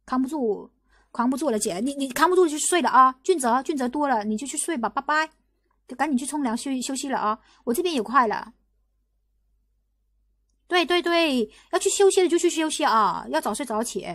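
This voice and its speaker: A young woman from Guangdong holds forth on her livestream in quick, tumbling bursts. She argues insistently, restarting sentences and hammering the same rhetorical questions again and again. Her voice sits high, and the close, dry sound leaves no room echo. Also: animated, fairly bright tone. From Guangdong, China. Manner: rapid, repetitive, argumentative, lots of restarts and rhetorical questions. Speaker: livestream host. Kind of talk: casual livestream commentary.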